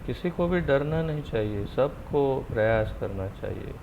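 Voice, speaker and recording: Man, teacher, gravelly, firm and encouraging, online class, muffled call audio. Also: medium pitch, animated, measured pace, slight background noise.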